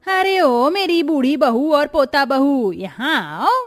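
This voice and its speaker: A woman voicing a greedy, bossy old grandmother-in-law in an animated story, scolding and giving orders. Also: high voice, slow pace, soft background music, pitched above the performer's own voice. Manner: commanding, scolding.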